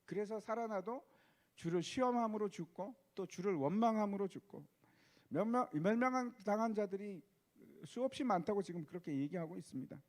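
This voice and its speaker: Man, pastor, high-pitched voice, sermon, rhetorical questions. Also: animated, fairly quick, darkish tone.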